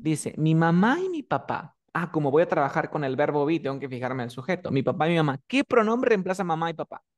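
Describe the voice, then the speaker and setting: Lively male English teacher. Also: fairly high pitch, quick pace, few pauses. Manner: patient, drills pronunciation by repeating words. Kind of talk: online English lesson in Spanish.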